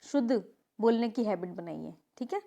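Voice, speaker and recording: A woman teaching a grammar lesson, reading example sentences and correcting them with quick asides. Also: medium pitch, animated, creaky, warm tone.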